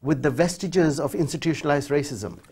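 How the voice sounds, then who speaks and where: A man's voice: a little high, a little fast, a little mellow, slightly rough. Emphatic man with a Fiji Indian accent. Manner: emphatic, articulate, formal vocabulary. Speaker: human rights official, interview guest. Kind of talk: impassioned TV interview answers. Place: TV studio. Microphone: lapel mic.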